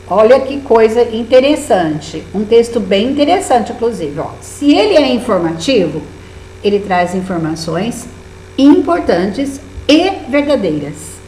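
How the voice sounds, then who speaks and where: A woman's voice: on the high side, dark tone. A woman teaching schoolchildren in Brazilian Portuguese, patiently explaining workbook tasks with lots of diminutives. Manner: patient, encouraging, with many diminutives. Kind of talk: remote lesson walking through a workbook. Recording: echoey room with faint hum.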